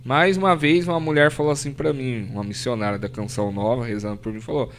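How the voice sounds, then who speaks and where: Brazilian man, São Paulo interior accent, mid pitch, heartfelt storyteller, light hum behind. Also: fairly even intonation, fast. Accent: Brazilian Portuguese, São Paulo interior. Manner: earnest storytelling, frequent "né?", acts out quoted voices. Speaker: podcast guest. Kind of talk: emotional testimony in casual chat.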